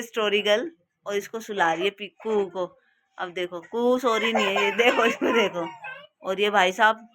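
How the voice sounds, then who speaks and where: A woman's voice: medium pitch, fairly bright tone, a little hiss or hum. A woman in her thirties chattily vlogging her family at home on a handheld phone, pointing out each person around her. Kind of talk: casual home vlog narration.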